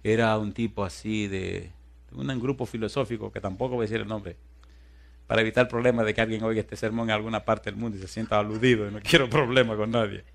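A middle-aged man from the Dominican Republic, a preacher with a Dominican accent, telling a story in a sermon. He acts out the dialogue and drops to a hushed voice when he prays. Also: on the low side, fast talker, creaky. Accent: Dominican Spanish. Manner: animated storytelling, acting out dialogue, laughing often; drops to soft, hushed prayer voice.

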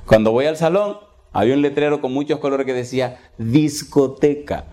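Humorous pastor telling a story. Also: male voice, mid-range voice, fast talker. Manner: humorous, animated, acts out dialogue. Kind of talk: storytelling sermon.

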